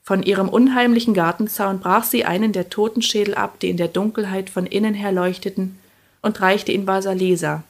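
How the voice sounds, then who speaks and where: Calm woman reading a fairy tale. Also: mid-range voice, fairly quick. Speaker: narrator. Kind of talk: storybook narration.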